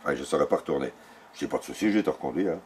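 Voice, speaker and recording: Homme âgé à l'accent belge, conteur animé, voix grave qui monte et descend beaucoup. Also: male voice, a bass voice, rapid-fire, slight background noise. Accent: Belgian French. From Belgium. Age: older. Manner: animated storyteller who acts out dialogue. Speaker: interviewee. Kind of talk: casual storytelling interview.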